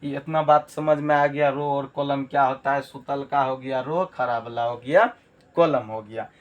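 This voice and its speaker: A man's voice: mid-range voice, steady tone, moderate pace, highs cut off. A man teaching a math lesson, repeating key terms and asking rhetorical check questions. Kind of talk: classroom lesson.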